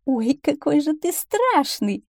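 A woman's voice: a little high, very animated, a little slow, dark tone, dry recording, studio quality, pitched above the performer's own voice. A woman voicing a cunning female fox who coaxes and mocks in a falsely kind tone in a storybook reading. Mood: sly. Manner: coaxing, mocking, falsely kind. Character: sly sweet-talking female fox, a cunning predator.

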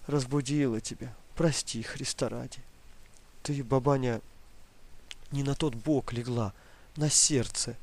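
A man voicing a caring young grandson who calmly reassures his grandmother. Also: mid-range voice, unhurried, long pauses. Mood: soothing. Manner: concerned, soothing. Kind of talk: audiobook reading.

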